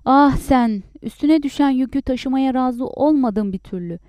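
A woman voicing a furious, sharp-tongued poor peasant wife who scolds loudly in a raised, shrill voice. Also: measured pace, no echo. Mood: scolding.

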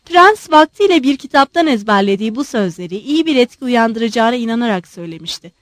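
Expressive high-voiced woman narrating a novel. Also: no echo, clean studio sound. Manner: expressive, measured storytelling. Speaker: audiobook narrator. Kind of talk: scripted literary narration.

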